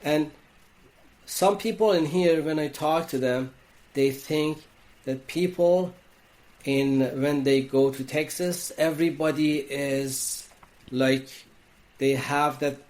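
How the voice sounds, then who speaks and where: A man from Iran with an Iranian accent, a wellness coach speaking as a podcast guest, talking in a slow, reflective way with frequent restarts. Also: fairly high pitch, fairly even intonation, a little mellow. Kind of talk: reflective interview talk.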